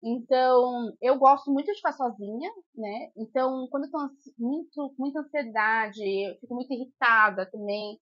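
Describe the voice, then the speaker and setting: A woman's voice: normal speed, hardly any pauses, no echo, dull audio. A woman in her thirties co-hosting a podcast in casual chat, telling stories animatedly and acting out what people said. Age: 30s. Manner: animated storytelling, acts out quotes with rising pitch. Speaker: podcast co-host.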